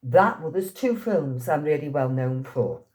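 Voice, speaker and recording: An actress in her sixties from Liverpool, England, speaks with a Liverpool accent in a casual interview, sharing anecdotes and laughing often. Her voice sits low, with lively intonation, an unhurried pace and a warm tone.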